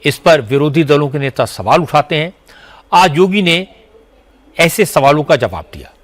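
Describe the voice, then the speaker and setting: News anchor, male, slightly high voice, formal measured read. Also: lively intonation. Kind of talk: scripted news narration.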